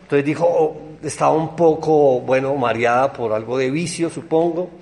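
A young Colombian man telling a personal anecdote in a rambling, excitable way. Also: on the high side. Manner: excited, rambling, quick storytelling with laughs.

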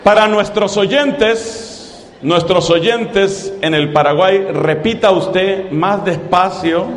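Emphatic high-voiced preacher in an echoey hall. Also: male voice. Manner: emphatic, repeats phrases slowly for effect. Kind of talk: sermon to a live congregation. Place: large church hall with audience. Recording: echoey hall with crowd noise.

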